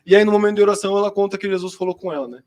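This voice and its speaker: Young Brazilian guy, high and fast, relaxed slangy storyteller. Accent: Brazilian Portuguese. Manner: chatty and slangy, lots of fillers. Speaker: seminarian giving a vocation testimony. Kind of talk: casual personal storytelling.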